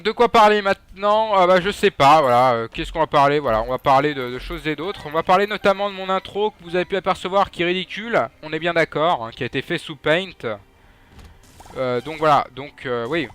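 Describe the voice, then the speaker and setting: A man's voice: a little high, a bit bright, smooth, no room sound. A young man giving casual, joking gameplay commentary, trash-talking enemies and swearing. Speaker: gaming YouTuber.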